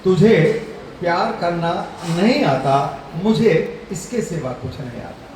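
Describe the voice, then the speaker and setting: A man's voice: high voice, lively intonation, measured pace. A man reciting poetry to a live audience, declaiming couplets and repeating each line with rising emphasis. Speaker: poet at a poetry gathering. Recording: very echoey hall, distant mic, faint noise.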